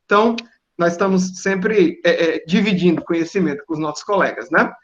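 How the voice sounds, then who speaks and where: A young man, giving a relaxed, explanatory talk to students and checking in with "né?" and "certo?". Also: high-pitched, fairly quick, dull audio. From Northeast Brazil. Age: young adult. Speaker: guest engineer speaking to students. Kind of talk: relaxed presentation over video call.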